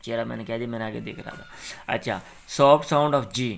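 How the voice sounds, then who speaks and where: A man with a medium-pitched voice and some vocal fry tutors a young pupil through an English exercise. He patiently says short phrases for the pupil to repeat, then explains them.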